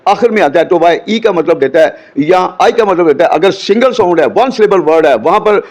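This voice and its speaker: A man's voice: sits high, animated. A man, an English teacher explaining grammar to an interviewer in an earnest, step-by-step way. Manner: earnest, drills English examples slowly and clearly.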